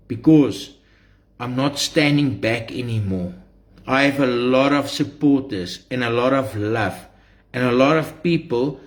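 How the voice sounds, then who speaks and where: Slow-talking South African man addressing followers. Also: mid-range voice. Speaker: social media streamer. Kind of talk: live monologue addressed to followers.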